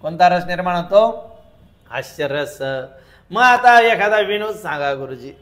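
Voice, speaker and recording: A man's voice: sits high, expressive, unhurried, a bit bright. A man with a Marathi accent teaching a class in a sing-song recitation, laughing often as he explains. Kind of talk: classroom lecture.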